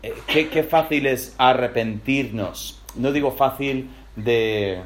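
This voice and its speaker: Spanish preacher with lively delivery. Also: male voice, medium pitch, takes it slowly. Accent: Spain Spanish. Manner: lively storyteller, swings between loud and hushed. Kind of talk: sermon.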